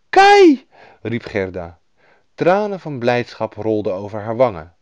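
A man reads a fairy tale aloud with a bouncy, animated voice. The recording is dry and a little dull, like an older lo-fi track. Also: on the low side, no room sound. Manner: lively storybook reading, voicing each character. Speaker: storyteller. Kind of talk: scripted fairy-tale narration.

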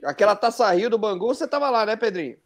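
A man's voice: high-pitched, animated, fast, over a noisy crowd. A man chatting casually as a panelist, putting questions to a guest. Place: indoor room on a video call. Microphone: video call microphone.

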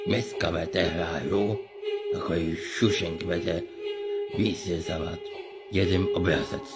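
A man putting on the voice of a slow, solemn male game announcer who welcomes players to the game. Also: low voice, steady tone, voice pushed down, natural voice. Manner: slow, solemn, drawn-out delivery. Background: loud music.

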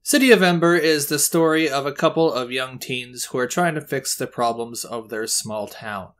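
Guy doing a chatty movie review, middle pitch, jokes about himself a bit. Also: normal speed. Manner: chatty, self-deprecating, relaxed asides. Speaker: host.

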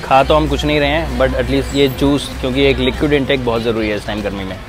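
A man's voice: mid-range voice, steady tone, quick pace, music in the background. A man in his thirties hosting a casual travel vlog outdoors, talking cheerfully to his viewers into a phone at arm's length. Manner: cheerful, keeps addressing viewers as friends. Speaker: travel vlogger. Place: outdoors on busy city roads and a market. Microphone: phone held at arm's length. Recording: street traffic noise behind.

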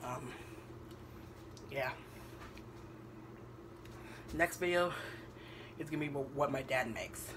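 A young man talking casually in a home kitchen vlog, rambling with many pauses and ums. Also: mid-range voice, background noise. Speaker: vlogger. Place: home kitchen at night, indoors. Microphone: camera on the counter.

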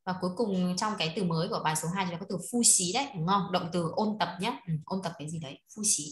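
A woman's voice: fairly low pitch, fast talker. A woman teaching an online class. She explains words, repeats them and prompts her students to read aloud. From Vietnam. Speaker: Chinese language teacher. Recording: echoey room.

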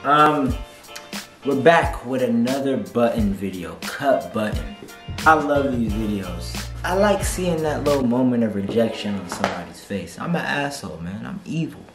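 Seated on a couch in a small, echoey room, a young man in his twenties hosts a reaction video, brash, mocking and profane in his commentary. His medium-pitched voice is animated at normal speed, with music playing behind him.

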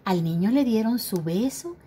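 A woman reading a picture book aloud to children, lively and asking her young listeners questions. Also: a little high, moderate pace, husky. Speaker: storyteller for children.

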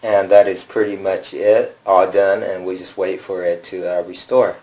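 Despite poor audio, you can hear a man with a low voice talking at a moderate pace as he hosts a phone repair tutorial. At a table in an indoor room, he casually walks through a phone reset step by step, with a steady stream of ums and uhs.

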